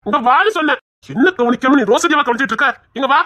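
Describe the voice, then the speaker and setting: A woman playing a bold, protective young lover with a Tirunelveli Tamil accent, forceful and commanding, turning hushed and coaxing. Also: medium pitch, expressive, a little fast, no echo, studio quality. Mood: bossy. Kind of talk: acted romantic drama.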